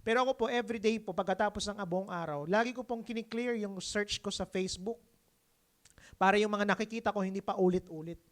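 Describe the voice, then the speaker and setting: A man's voice: high voice, quick pace. A man with a Filipino accent preaching a conversational sermon. He mixes English into his talk and keeps checking in with the congregation. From Philippines. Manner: lively, keeps asking the congregation "di ba?". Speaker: pastor.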